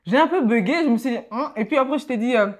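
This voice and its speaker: A woman hosting a casual conversation, talking in an animated, chatty way with a lot of filler words. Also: fairly high pitch, rapid-fire. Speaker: host.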